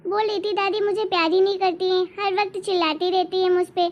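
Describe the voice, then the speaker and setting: A woman doing a gentle loving mother. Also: very high-pitched, little pitch movement, a little fast. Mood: firm. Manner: soft, soothing. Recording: dull lo-fi recording.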